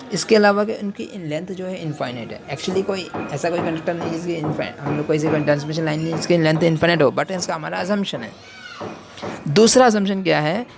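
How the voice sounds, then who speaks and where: A man giving an electrical engineering lecture who keeps asking questions and answering them himself, with many fillers and restarts. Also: high-pitched. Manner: reads English terms out slowly. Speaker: teacher.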